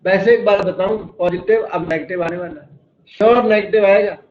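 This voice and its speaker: High-voiced male maths teacher, echoey classroom. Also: fairly quick, darkish tone. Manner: explains step by step and quizzes the class. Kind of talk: classroom lecture. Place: classroom with students. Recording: echoey room, slightly dull sound.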